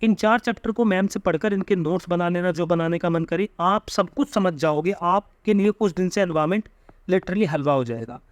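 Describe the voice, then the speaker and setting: Young Indian male guide, insistent tutor delivery, high-pitched, dry recording. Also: normal speed, no echo. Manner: emphatic, repeats tag questions like "theek hai". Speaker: exam coaching guide. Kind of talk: direct-to-camera study advice.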